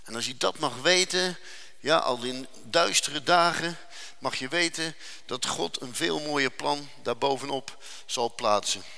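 Man, testimony speaker, earnest and dramatic, slowing for weight, bright voice. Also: a little high, vocal fry, in a large hall. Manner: earnest, dramatic storytelling with slowed emphasis. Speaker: speaker giving a faith testimony. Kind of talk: personal testimony.

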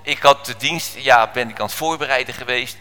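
A preacher telling a children's story in a church service, animated, swinging from whispers to shouts. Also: male voice, mid-range voice, fairly quick, smooth. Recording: echoey church hall.

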